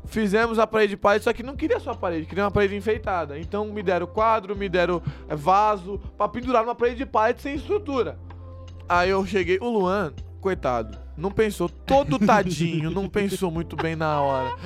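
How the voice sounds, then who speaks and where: A man's voice: sits high, fairly quick, soft background music. A young man with a Brazilian Portuguese accent telling a story in casual, slangy talk. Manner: lively, slangy, acts out quoted people.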